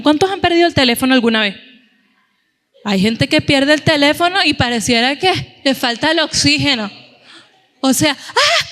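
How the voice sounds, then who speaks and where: A middle-aged woman preaching a sermon in a church, telling stories in a lively way and acting out the voices of the people in them. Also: high-pitched, in a large hall. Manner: animated storytelling, acting out quoted voices.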